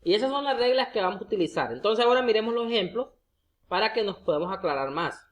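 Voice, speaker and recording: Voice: medium pitch, lively intonation, fast talker. Patient teacher repeating each example. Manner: addresses the viewer directly, often with a coaxing "look". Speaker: English teacher. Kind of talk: explaining grammar rules to students.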